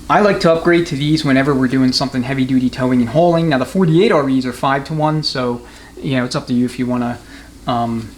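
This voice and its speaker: A man with a mid-range voice works through an unscripted, practical demonstration at a transmission workshop, where he is a mechanic and instructor. He explains in a matter-of-fact way over slight background noise.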